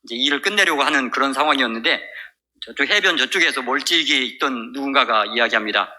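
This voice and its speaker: A man's voice: mid-range voice, fast talker, pushed and bright. A male pastor preaching a sermon, retelling a Bible story in a storytelling manner. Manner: storytelling with many fillers and restarts.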